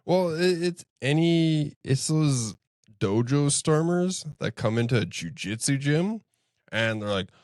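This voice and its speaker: A man's voice: on the high side, a little slow, dry recording, clean studio sound. A man co-hosting a podcast, a martial arts coach who tells stories casually, acting out what people said and swearing loosely. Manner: animated storyteller, acts out quoted voices, swears casually. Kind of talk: casual storytelling chat.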